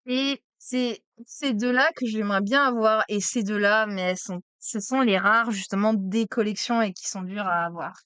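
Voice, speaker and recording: A woman streaming a card opening, chatty and excitable, exclaiming over each card. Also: mid-range voice, normal speed, hardly any pauses, smooth, no room sound. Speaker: streamer opening trading cards. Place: at home desk.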